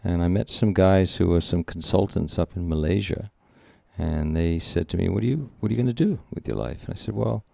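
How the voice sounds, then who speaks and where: A man's voice: low voice, a little fast, vocal fry, mellow, no echo, clean studio sound. A man in his sixties from Singapore, a company founder chatting as a podcast guest, joking and rambling with many restarts. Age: 60s. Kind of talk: casual interview chat.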